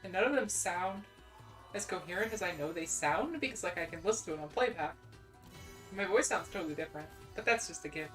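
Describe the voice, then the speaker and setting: A young adult VTuber streamer with a Midwestern General American accent chats casually into a desk mic, her fairly low voice animated, a bit bright, and fairly quick. She rambles self-deprecatingly with lots of "like"s and restarts while faint music plays behind her.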